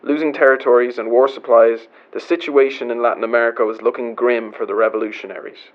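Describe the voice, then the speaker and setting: Old timey newsreel war announcer, serious n formal, muffled old radio sound. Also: male voice, mid-range voice, steady tone. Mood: earnest, formal. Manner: formal, measured news delivery. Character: earnest wartime newsreel announcer reporting a world war. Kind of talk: old newsreel narration, scripted. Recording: dull, band-limited old radio sound.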